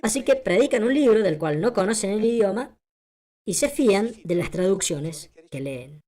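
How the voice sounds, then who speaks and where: A woman's voice: mid-range voice, lively intonation, moderate pace, dark tone. A woman giving a translated lecture as a voice-over. She is emphatic and rhetorical, repeats her points and asks the audience questions.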